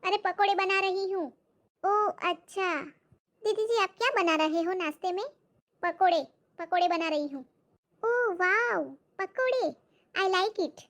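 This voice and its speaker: A ditzy, lazy young sister-in-law, voiced by a woman. She chirps along in a very high voice, slipping showy English words into her speech. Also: unhurried, a bit bright. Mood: chirpy.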